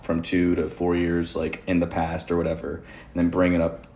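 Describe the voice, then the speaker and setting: A man's voice: deep voice, monotone, moderate pace, a little mellow. A young American man hosting a podcast, chatting in a rambling, opinionated way. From United States. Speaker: podcast host. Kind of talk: casual conversation. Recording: echoey room, faint noise.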